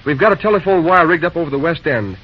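An actor playing a busy young railroad dispatcher in an old-time radio drama, talking briskly in folksy slang. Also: male voice, on the high side, lively intonation, close to an everyday voice. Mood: friendly, busy. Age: young adult. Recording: dull, noisy old radio recording.

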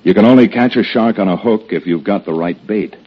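An actor playing an earnest cowboy hero who also narrates, in an old radio western. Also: male voice, lowish voice, brisk, breathy edge. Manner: firm and earnest. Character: steady heroic cowboy, male, narrator. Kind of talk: 1940s radio acting. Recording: dull old radio recording.

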